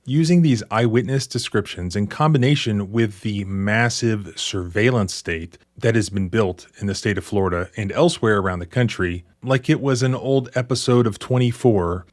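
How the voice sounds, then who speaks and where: A man narrates and comments on police footage in a sardonic way. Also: lowish voice. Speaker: civil rights lawyer, commentator. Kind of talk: scripted commentary.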